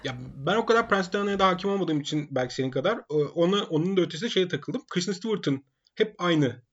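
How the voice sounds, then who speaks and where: A man's voice: high-pitched, animated, quick pace, a bit bright, muffled recording. A man co-hosting a film podcast, giving opinions in a casual, teasing way. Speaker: podcast co-host.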